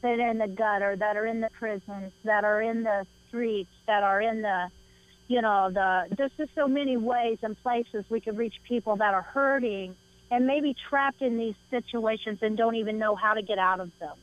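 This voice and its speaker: A woman's voice: fairly high pitch, normal speed. Earnest woman on dull lo-fi audio. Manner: earnest, repeats and restarts while thinking aloud.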